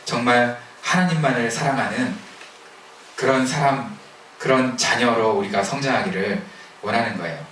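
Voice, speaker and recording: A man's voice: medium pitch, normal speed, a bit bright, slight background noise. Male preacher, conversational sermon, asks questions; very echoey room, distant mic.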